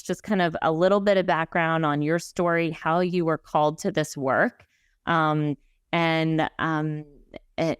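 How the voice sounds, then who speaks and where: A woman's voice: deep voice, smooth, dry recording, studio quality. A woman hosting a podcast, upbeat and enthusiastic, with many fillers. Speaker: podcast host. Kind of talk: interview hosting.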